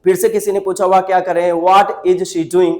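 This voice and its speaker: A man teaching a spoken English lesson. He repeats each example slowly and asks the class to say it back. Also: high voice, little pitch movement, mellow. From India.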